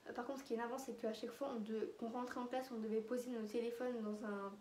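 A woman's voice: on the high side, steady tone, fast, mellow, slight background noise. A teenage girl chatting casually to her viewers, full of fillers and asides. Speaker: vlogger. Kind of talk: casual chat to camera. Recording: echoey room with faint ambience.

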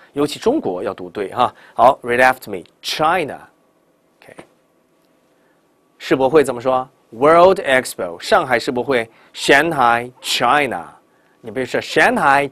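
A middle-aged man teaches English pronunciation with a lively, swinging voice, stretching words out slowly as he demonstrates them. He peppers the class with rhetorical questions. The sound is dry and close to the mic. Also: mid-range voice, no echo. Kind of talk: classroom lecture.

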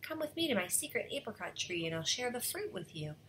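A woman's voice: mid-range voice, big pitch swings, fairly quick, fairly bright tone, slight background noise. Woman doing a clever polite girl. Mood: kind.

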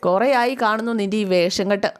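A woman's voice: medium pitch, moderate pace, clean tone, lightly acted. A woman voicing a domineering middle-aged mother-in-law who scolds sharply. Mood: scolding.

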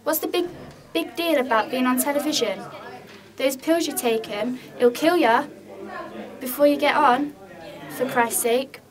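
A woman reads an exasperated son nagging his mother, pausing to correct herself over misread lines. Her voice is high, with background chatter behind her. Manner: self-correcting, giggly about mistakes. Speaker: auditioning actress. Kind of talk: audition reading.

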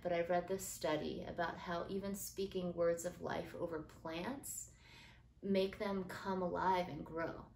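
A middle-aged woman hosting a podcast, talking in a casual, earnest and gentle way about parenting and faith. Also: medium pitch, a little hiss or hum. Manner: earnest, gentle, uses fillers like um. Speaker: podcast host. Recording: echoey room with faint ambience.

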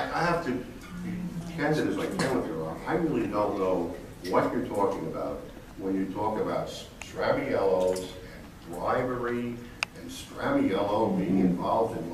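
A man serving as town supervisor, answering a resident at a public meeting in a defensive, lawyerly way and repeating his denials. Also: on the low side. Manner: defensive, lawyerly, repeats himself while rebutting. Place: large echoey public meeting hall. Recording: echoey hall, distant mic, audible room noise.

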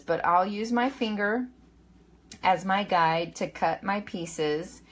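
A middle-aged woman casually talking through her packed meals at a kitchen counter, rambling with fillers and self-corrections. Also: on the low side. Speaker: weight-loss vlogger. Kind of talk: casual meal-prep walkthrough. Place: home kitchen counter, indoors.

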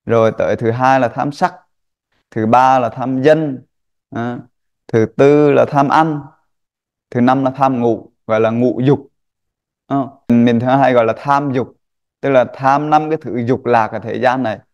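A man giving a Buddhist Dharma talk to an online group, listing points slowly and asking rhetorical questions. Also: mid-range voice, a little mellow, lo-fi sound.

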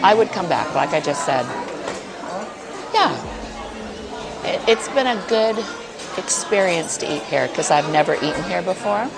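This woman's voice sits on the low side, animated yet measured, with vocal fry and frequent pauses. She's filming a casual, playful food review at a bustling indoor buffet, exclaiming and chatting as she eats. The crowd noise and music carry on behind her.

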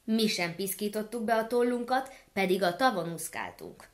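A woman voicing a flock of squabbling farmyard geese who shout out together in a storybook tale. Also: medium pitch, expressive, close to an everyday voice. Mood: clamoring. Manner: loud, clamoring.

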